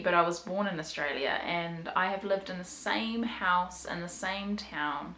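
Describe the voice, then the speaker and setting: A woman's voice: mid-range voice, fairly bright tone. Rambling New Zealand woman in an echoey bedroom. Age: 20s. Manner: rambling, candid, self-deprecating. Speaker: vlogger. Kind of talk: casual confessional vlog. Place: bedroom at home.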